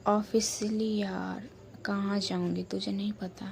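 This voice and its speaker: A woman's voice: mid-range voice, little pitch movement, a little slow, gravelly, darkish tone. A woman voicing a stubborn young female college student who insists she is fine. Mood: insistent. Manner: insistent, brushes off concern.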